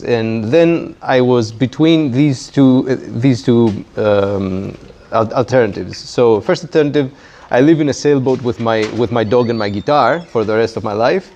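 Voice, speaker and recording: Here the Greek-accented founder from Greece has a mellow, medium-pitched voice as he chats casually and self-deprecatingly, with a wry edge, as a guest. The setting is a live fireside chat interview in a community tech workspace, captured on a handheld microphone. The audio is dull and muffled, with background noise.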